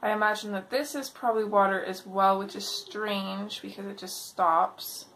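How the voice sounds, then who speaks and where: A woman hosting a casual coloring tutorial, thinking aloud in an unhurried way, her voice slightly off from a mild sore throat. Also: mid-range voice, steady tone, fairly bright tone, low-quality recording. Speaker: host of a coloring tutorial video. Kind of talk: casual tutorial chat while working. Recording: clear background noise.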